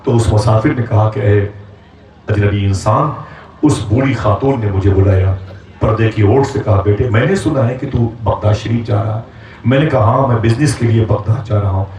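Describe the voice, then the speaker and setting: Male preacher, dramatic storyteller voicing characters, heavy hall echo, distant from the mic. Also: a little mellow. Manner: dramatic storytelling, rising to impassioned pitch when voicing characters. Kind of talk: sermon storytelling. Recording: echoey hall, speaker far from mic.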